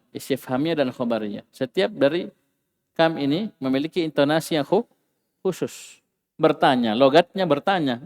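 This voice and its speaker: A man's voice: mid-range voice, in a large hall. A man teaching an Arabic class, who asks the students questions and repeats key words with rising emphasis.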